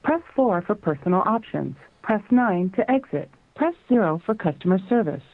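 A woman's recorded voicemail voice reads menu options in a steady, scripted way. She is heard over a landline phone line, thin and narrow in tone, with a close, dry sound and no room around it. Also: mid-range voice, no room sound. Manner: even, measured, scripted phrasing. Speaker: automated voicemail prompt.

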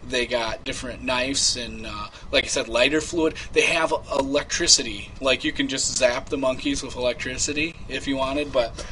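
A man's voice: medium pitch, steady tone, normal speed, pushed and bright, slight background noise, natural voice, poor audio. A man playing a creepy, unhinged rich young man who rambles and stammers through filler words in a prank-call comedy bit. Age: 20s.

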